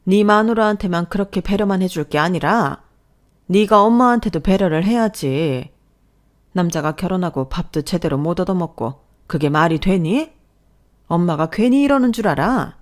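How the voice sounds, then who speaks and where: A woman voicing a domineering older mother-in-law who scolds loudly over the phone in a radio story. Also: lowish voice, animated, moderate pace, close to an everyday voice. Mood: demanding. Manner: scolding, shouting.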